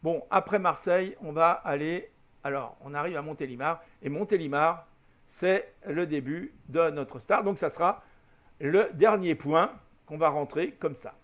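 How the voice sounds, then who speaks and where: A man's voice: a little high, a little slow, a bit bright. Chatty man guiding a sim tutorial. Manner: chatty and patient, spells out letters, corrects himself with small sighs. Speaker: flight simulator tutorial host. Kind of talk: casual screen-recorded tutorial.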